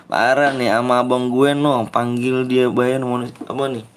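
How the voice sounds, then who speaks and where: A man's voice: medium pitch, level tone, moderate pace, smooth. A young man with a Betawi Jakarta accent chatting casually and teasing viewers during a game livestream. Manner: teasing, playful, often mimics viewers' pleas. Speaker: livestream gamer.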